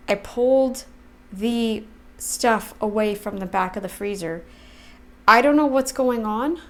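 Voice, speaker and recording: A woman hosting a reaction video with casual, rambling commentary, repeating words for emphasis. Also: medium pitch.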